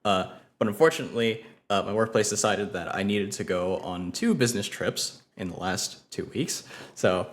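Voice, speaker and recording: A man hosting a tabletop game stream as game master, excitable and self-deprecating. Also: on the low side, moderate pace, hardly any pauses, slight background noise.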